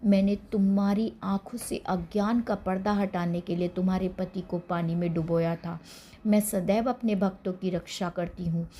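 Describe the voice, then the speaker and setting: A woman's voice: lowish voice, level tone, moderate pace, dark tone, close to an everyday voice. A woman voicing a merciful mother goddess who speaks in a solemn, proclaiming way.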